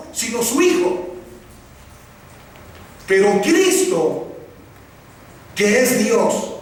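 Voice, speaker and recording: A man preaching a sermon, quizzing the congregation and having them repeat his words. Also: high voice. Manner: questioning the congregation, calls for repetition. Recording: echoey hall, voice from far off, faint ambience.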